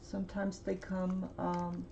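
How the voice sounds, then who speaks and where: A woman's voice: on the low side, completely flat delivery, vocal fry, dark tone. A woman chatting her way through a paint swatching demo at home, rambling and hesitant with lots of ums. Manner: rambling, hesitant, fills pauses with um and uh. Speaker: art vlogger. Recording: dull lo-fi home recording, faint hiss.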